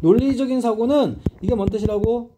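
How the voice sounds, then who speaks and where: A man's voice: very high-pitched, brisk, noisy background. A man teaching an English class, lecturing students and constantly checking that they follow. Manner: lively, rising and dipping emphasis.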